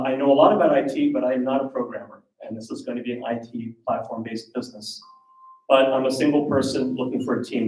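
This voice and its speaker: A man who works as an intercultural communication strategist pitches a startup in an earnest, measured way. His voice is mid-pitched. It is heard from a distance in an echoey hall. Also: darkish tone.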